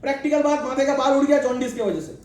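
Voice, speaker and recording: A man's voice: very high voice, fast, darkish tone, recorded from a distance. A middle-aged man giving a preachy motivational talk to a team, often quizzing the crowd and cracking jokes. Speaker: motivational speaker addressing a sales team. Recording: very echoey hall.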